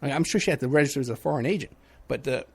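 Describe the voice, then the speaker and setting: A man from New City, also described as from New York City, hosts a talk radio show in a rambling, sarcastic monologue; he is a radio show host and private investigator. His medium-pitched voice has a breathy edge and races along very fast.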